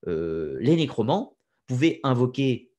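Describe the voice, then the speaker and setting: Male lecturer, husky and hesitant, casual, opinionated. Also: medium pitch, very animated, a little slow, dark tone. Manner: conversational, frequent hesitations, opinionated asides. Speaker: lecturer on occult history. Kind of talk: informal spoken lecture.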